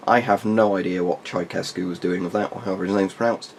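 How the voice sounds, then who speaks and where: A man with a fairly low voice talks through a product review off the cuff. His explanations are informal and wander into asides. A little noise sits behind the voice. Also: steady tone, fast, vocal fry. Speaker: military surplus gear reviewer. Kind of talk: casual unscripted product review. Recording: faint background noise.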